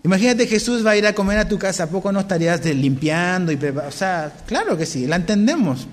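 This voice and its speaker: A man's voice: sits high, expressive, quick pace. A man preaching a sermon as pastor, conversational and often asking his listeners questions. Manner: conversational, asks the congregation questions. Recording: long hall reverb.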